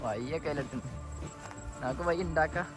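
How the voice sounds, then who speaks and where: A man's voice: a little high, quick pace, loud music behind the voice. A young man with a Malabar Malayalam accent, bantering casually with a companion outdoors, with some English words mixed into his Malayalam. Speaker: vlogger. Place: outdoors on a hilltop.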